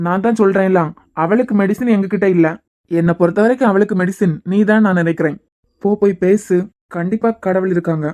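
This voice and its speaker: A woman's voice: medium pitch, brisk, dark tone, close to an everyday voice. A woman voicing a serious young male doctor in a cartoon series, with a Kanyakumari Tamil accent. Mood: grave. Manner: serious, explaining. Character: young male doctor friend, grave and calm.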